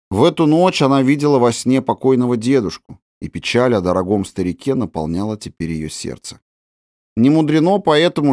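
A man reading a children's novel aloud as an audiobook narrator, in a measured, expressive storytelling manner. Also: medium pitch, no echo, studio quality. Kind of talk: scripted narration.

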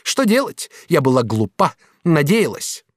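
A high, lively young maidservant, as a man acts her out, devoted and quick to take offence. Her lines leap and fall as she pleads and protests. The sound is close and dry, with no room around it. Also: dry recording. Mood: defiant. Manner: emphatic, pleading, rising exclamations. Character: young woman servant, devoted, proud, quick-tempered. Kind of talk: audiobook character reading.

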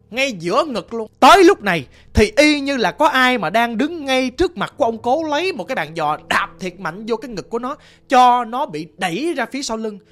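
A woman's voice: a little high, a bit bright. A woman telling a ghost story in a chatty, vivid, conversational way, explaining things as she goes. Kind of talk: casual spoken storytelling.

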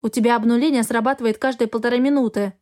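Fields: Voice: a woman playing a sharp-tongued young heroine. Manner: sarcastic. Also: on the high side, steady tone, very fast, natural voice. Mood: exasperated. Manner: sarcastic, tart retorts.

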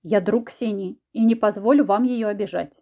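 A woman's voice: mid-range voice, normal speed, close to an everyday voice. Storybook ally, voiced by a woman: firm, strict, protective, in a dull lo-fi recording. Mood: stern. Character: stern protective man, friend of the heroine.

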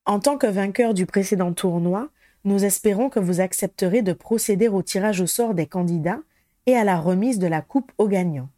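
A woman's voice: mid-range voice, moderate pace, warm tone, dry recording, clean studio sound, natural voice. A woman reading the lines of a courteous, enthusiastic male ministry official in a storybook. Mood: eager. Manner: polite and enthusiastic.

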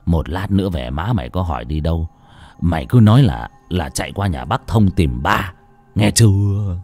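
A man's voice: deep voice, lively intonation, slow, vocal fry, a little mellow, breathy edge, soft background music, voice pushed down, full character voice. A man voicing a brutal old village father who stammers and repeats his words. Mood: coaxing softly.

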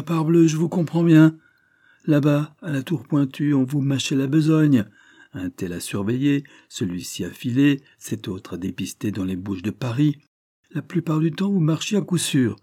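A man voicing a burly, pompous middle-aged detective chief who bullies and lectures his men, in a raised, hectoring voice with a husky edge. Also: a little high, dark tone, dry recording, studio quality, voice pushed up.

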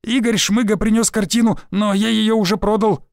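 Man doing a shrill panicky pawnbroker. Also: steady tone, normal speed, gravelly, no echo, clean studio sound. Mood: panicked pleading. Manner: squealing, panicked pleading. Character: nervous middle-aged male pawnbroker, shrill and whiny.

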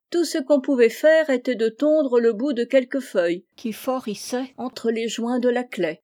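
A woman voicing a tearful mother goat who bleats and pleads in a high, thin voice. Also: mellow. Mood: teasing.

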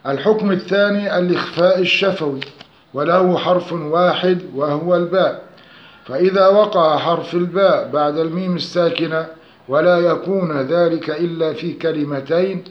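A man giving a scripted recitation lesson, explaining rules in a measured, steady delivery. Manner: measured, slows to recite examples with nasal humming. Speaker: tajweed teacher. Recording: echoey dull low-fi room recording.

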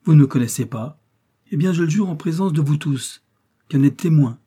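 A man's voice: on the high side, brisk, mellow, slightly rough, pitched above the performer's own voice. Nadia, a man voicing a fiery young princess. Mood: impassioned. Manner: impassioned, defiant speeches. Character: proud idealistic young Russian princess.

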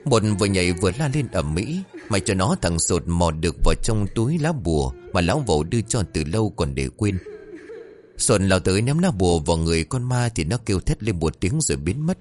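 A man narrating a comic ghost story in a lively, animated way. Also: low-pitched, a little fast.

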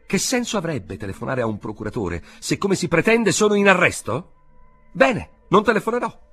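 A man's voice: medium pitch, very animated, fairly quick, husky, soft background music, voice pushed up. A man reading an audiobook voices an arrested man protesting his treatment in a raised, agitated voice. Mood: indignant.

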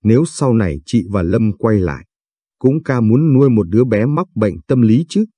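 A desperate young mother pleading in an audio story, read by a man. She begs and implores in a low, mellow, husky voice, recorded close and dry. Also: expressive, normal speed, dry recording. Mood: imploring.

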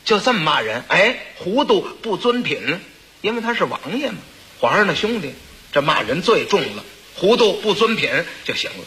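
A man telling a traditional story, with chatty, animated asides to the listeners. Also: high voice, moderate pace.

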